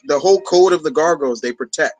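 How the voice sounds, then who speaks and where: A man's voice: on the high side, fast, a little mellow, soft background music, poor audio. A man from New York hosting a fan discussion, chatting casually in a rambling, enthusiastic way. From New York, United States. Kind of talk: casual chat.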